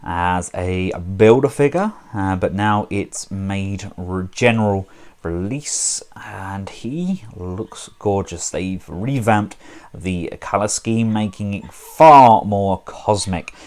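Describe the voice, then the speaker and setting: A man talks through a collectible figure review at an unhurried, slow pace. His voice sits a little low, and he keeps the delivery chatty with dry, wry asides. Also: lively intonation. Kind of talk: casual product review.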